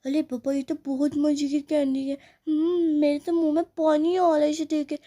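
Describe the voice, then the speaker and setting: A woman's voice: high voice, level tone, normal speed, dark tone, lightly acted. A woman voicing a sneaky tattletale girl doll who schemes and talks asides to herself, in a doll play story. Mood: scheming.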